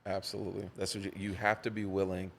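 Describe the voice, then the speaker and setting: A pastor appearing as a podcast guest tells personal stories in conversation, his low, gravelly voice moving at a quick pace. He's an animated storyteller with a preacher's cadence who repeats things for emphasis. There's slight background noise.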